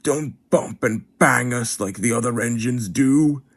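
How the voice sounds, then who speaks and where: A man's voice: mid-range voice, measured pace, voice pushed up. A man voicing polite, fretful railway coaches in a children's story. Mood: pleading.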